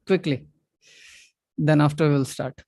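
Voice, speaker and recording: A man's voice: on the high side, steady tone, slow pace, vocal fry, darkish tone, no room sound, clean studio sound. A man with a North Indian accent leading an interactive online class as trainer, repeating instructions and checking in with short questions.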